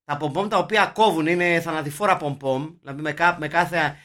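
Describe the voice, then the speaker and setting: A man's voice: on the high side, a bit bright. A man co-hosting a casual film podcast, talking emphatically and scornfully and often repeating himself. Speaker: podcast co-host.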